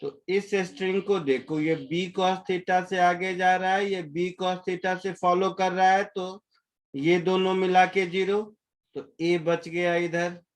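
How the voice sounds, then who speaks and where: A man's voice: high-pitched, flat delivery, slow pace. A male physics teacher explaining a problem step by step in a live class, often stopping to check that the students follow. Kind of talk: live physics class in Hindi mixed with English.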